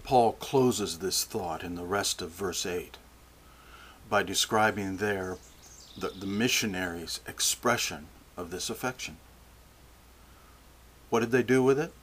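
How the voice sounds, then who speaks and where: Older male preacher, unhurried sermon delivery, low voice, deliberate restarts. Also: a bit bright, slight background noise.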